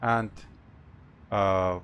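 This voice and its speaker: A man who is a non-native English speaker, working as an airline captain, talking through cockpit procedures and announcements in short, halting, procedural phrases. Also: low-pitched, fairly even intonation, dull audio, a little hiss or hum. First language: not English. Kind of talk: cockpit procedure narration, checklist callouts and announcements.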